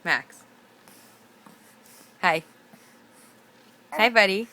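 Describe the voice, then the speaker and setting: A young woman talking to her baby at home in a gentle, teasing, sing-song way. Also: medium pitch, animated, drawn-out words. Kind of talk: home video chat with a baby.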